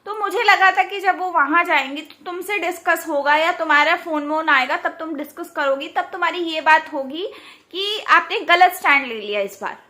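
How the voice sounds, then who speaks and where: A woman's voice: extremely high pitch, moderate pace, bright, forceful tone. A young woman, ranting in a casual vlog and scolding with rhetorical questions. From India. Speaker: YouTube commentator.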